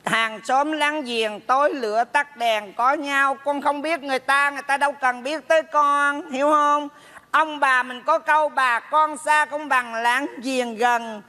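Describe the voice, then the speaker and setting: A nagging old mother's ghost scolds her son in a Southern Vietnamese accent, as a man puts on her voice. Her voice sits high and sounds bright. Her delivery is slow and drawn out, like a stage comedy sketch. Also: steady tone, exaggerated voice. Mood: scolding.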